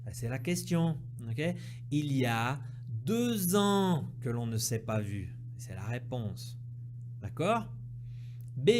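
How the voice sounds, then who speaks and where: A man's voice: fairly high pitch, slight background noise. A man teaching French, going through exercise answers and drilling sounds by repeating words and checking understanding. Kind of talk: language lesson, correcting exercises.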